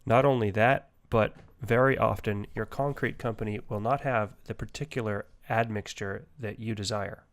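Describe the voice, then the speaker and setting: A man narrating a do-it-yourself how-to as a voice-over, lecturing with wry, deadpan jokes. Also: fairly low pitch, moderate pace, few pauses. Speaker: DIY homeowner. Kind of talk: explanatory voice-over.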